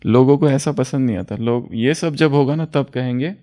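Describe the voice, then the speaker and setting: A man's voice: mid-range voice, normal speed, mellow. A man giving a spiritual class talk as a teacher, asking his listeners questions and answering them himself, chuckling often while he explains.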